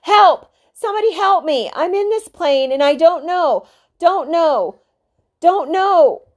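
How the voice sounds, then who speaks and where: A woman voicing a panicked teenage boy alone in a plane, crying and shouting desperate pleas for help. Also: on the high side, lively intonation, measured pace. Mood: screaming. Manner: frantic, pleading shouts.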